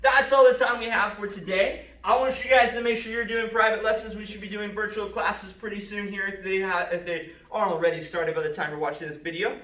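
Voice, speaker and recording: A man, a martial arts instructor, calling out self-defense moves step by step in an empty martial arts school, with sharp shouts on the strikes. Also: sits high, fairly even intonation, a little fast, hardly any pauses, reverberant, distant mic. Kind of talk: filmed self-defense lesson.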